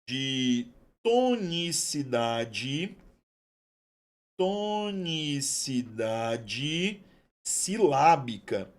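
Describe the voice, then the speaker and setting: A man's voice: fairly high pitch, darkish tone. Chatty male teacher. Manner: chatty and affectionate, drawn-out stresses on key terms. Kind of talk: online exam-prep lesson.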